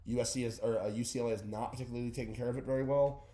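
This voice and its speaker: A man's voice: mid-range voice, steady tone, very fast, dark tone. A young man hosting a casual sports podcast, rambling and hesitant with many fillers. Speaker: podcast host. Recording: roomy echo.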